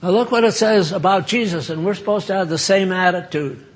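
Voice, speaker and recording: An older American man giving an informal sermon, conversational and halting with many fillers. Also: sits high. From United States. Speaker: preacher.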